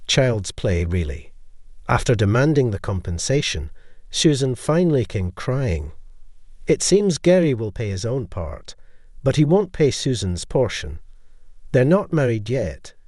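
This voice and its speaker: A man narrating a first-person story with steady storytelling. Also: medium pitch, a little slow, no room sound, studio quality.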